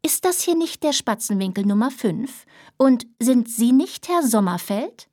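A woman voicing a brisk, prim middle-aged nanny who speaks with crisp, overly clear enunciation. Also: fairly high pitch, animated, darkish tone. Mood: questioning.

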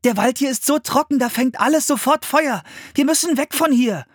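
Brief: high, alarmed young girl, put on by a male audiobook reader, husky and lively. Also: normal speed, dry recording, studio quality. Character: frightened young girl, urgent and quick. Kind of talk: audiobook reading.

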